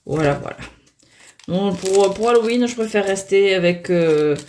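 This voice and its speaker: A woman's voice: mid-range voice, a little slow, darkish tone, a little hiss or hum. A woman reviewing a tarot deck in a casual unboxing chat, hesitant and chatty, often stopping to restart and poke fun at herself. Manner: self-mocking.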